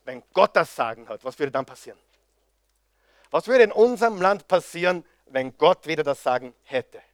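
Guy preaching a sermon, pretty high voice, dry close sound, keeps asking the crowd questions. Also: animated, moderate pace, dry recording. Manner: impassioned, with rhetorical questions to the audience.

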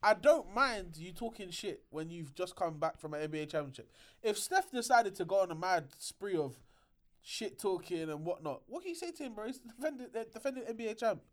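A man with a fairly high voice talks very quickly. He is chatting casually about sport, slangy and emphatic, circling back to stress his points. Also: expressive. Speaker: podcast co-host.

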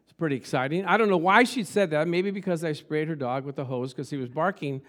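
A man's voice: a little high, quick pace, fairly bright tone. A man preaching a conversational motivational sermon, emphatic, with repeated phrases, rhetorical questions and humorous storytelling.

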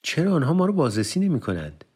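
A man's voice: lowish voice, lively intonation, a little mellow. A man voicing an urgent young fugitive. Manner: urgent, pleading questions. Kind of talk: audiobook character voice.

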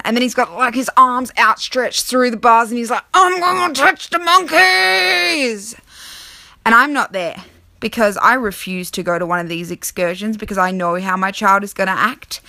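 A woman in her thirties, a mother of six, rambling through a fast, self-mocking comedic monologue. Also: mid-range voice, bright, forceful tone, dry recording.

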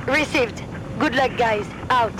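Une comédienne qui joue une femme pilote de chasse, cheffe de patrouille, parlant par radio casque dans le cockpit avec un ton net de procédure radio. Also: female voice, fairly high pitch, takes it slowly, heavy background noise. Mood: tense. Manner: crisp clipped radio procedure talk. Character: woman fighter pilot, calm patrol leader. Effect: pilot talking over a cockpit headset radio.

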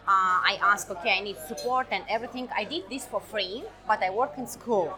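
A woman in her forties from Siberia with a Russian accent, a guest telling her story in halting non-native English with many fillers. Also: medium pitch, crowd noise. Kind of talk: casual chat.

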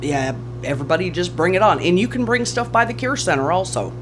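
Man, fairly high voice, casual interview talk, clear background hum and noise. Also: very animated, fast talker. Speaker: interviewee, community drive organizer. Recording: clearly noisy recording with hum.

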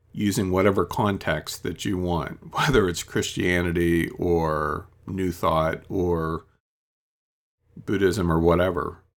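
A man talking casually and reflectively in a solo monologue about spiritual ideas, rambling with many ums and small asides. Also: low voice.

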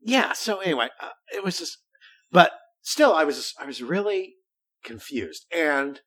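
A man talks on a podcast in a relaxed, conversational way. His pitch swings widely as he tells the story, and he often stops and restarts his sentences. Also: normal speed. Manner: animated storytelling with frequent restarts. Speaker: podcast co-host. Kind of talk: casual chat.

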